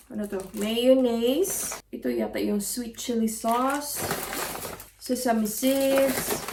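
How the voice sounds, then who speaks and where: A woman's voice: on the high side, noisy background. A woman vlogger chatting casually as she unboxes food, joking about names she can't pronounce. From Philippines. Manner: chatty, self-deprecating, stumbles over food names. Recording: roomy, distant mic, music underneath.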